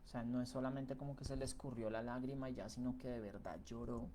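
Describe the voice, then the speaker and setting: A man preaches a Bible reflection in a relaxed, conversational manner, full of fillers and checking questions. His voice is mellow and dark. A faint background noise sits under the recording. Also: medium pitch, quick pace.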